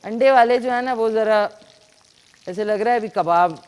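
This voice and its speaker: A woman's voice: a little high, moderate pace, darkish tone, clean tone. Chatty woman hosting a cooking show. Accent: Pakistani Urdu. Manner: chatty, demonstrative, explains recipes while cooking. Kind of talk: live cooking show with phone-in callers.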